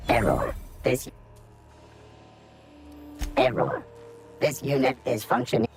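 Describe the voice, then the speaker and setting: An actor voicing a malfunctioning male worker robot through a glitching robotic filter, halting and repeating error messages in broken fragments. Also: medium pitch, sing-song, faint music behind. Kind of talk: video game voice acting.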